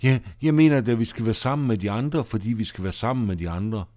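A man's voice: fairly low pitch, a little mellow, no echo, studio quality, lightly acted. A man reading aloud as a hesitant, hurt girl who feels mocked.

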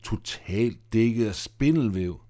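A man's voice: fairly low pitch, expressive, dark tone, lightly acted. A man reading aloud as a sarcastic, grumbling girl. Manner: sarcastic and dismissive.

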